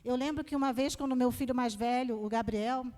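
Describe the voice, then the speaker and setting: A middle-aged Brazilian woman preaching a sermon at a women's congress, telling personal testimony with animated, emphatic storytelling. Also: sits high, a little fast. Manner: animated storytelling, emphatic, acts out quoted voices. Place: church sanctuary. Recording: long reverb of a church hall.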